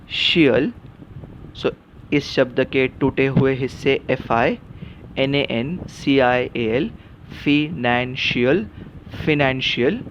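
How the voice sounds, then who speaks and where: A man's voice: mid-range voice, dull audio, slight background noise. A man teaching English phonics in a mix of Hindi and English, spelling words letter by letter with patient explanations. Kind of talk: spoken phonics lesson.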